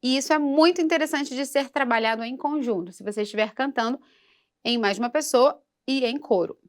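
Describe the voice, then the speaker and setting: A woman's voice: sits high, a little fast. A woman singing teacher giving a patient vocal lesson for a church program and breaking into short sung demonstrations.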